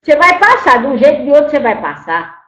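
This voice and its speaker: A woman's voice: high-pitched, big pitch swings, fast talker, a bit bright, muffled recording. A woman voicing the spirit of an old, once-enslaved grandmother. In a channeled spiritual talk, she scolds her listeners and calls them "my child". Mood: scolding. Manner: storytelling, repeats "my child", scolds then grieves. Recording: roomy echo.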